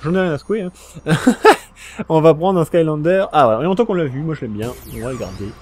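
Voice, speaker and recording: A man giving casual, jokey commentary on a video game while playing, shouting during fights. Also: a little high, quick pace, a little hiss or hum. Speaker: let's play gamer.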